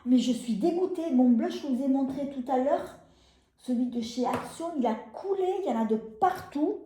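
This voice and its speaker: A French woman showing makeup on camera, gushing about each product and filling pauses with hesitations and repeated words. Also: sits high, expressive, warm tone. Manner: gushing, enthusiastic over products. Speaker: beauty vlogger. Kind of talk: casual product demo. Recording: echoey room.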